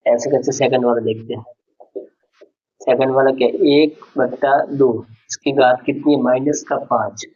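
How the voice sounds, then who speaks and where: A man's voice: medium pitch, flat delivery, moderate pace, darkish tone, slightly rough. A man teaching a school maths lesson, patiently explaining each step and asking the class questions as he goes. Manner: patient, repeats questions to students. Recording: dull lo-fi recording.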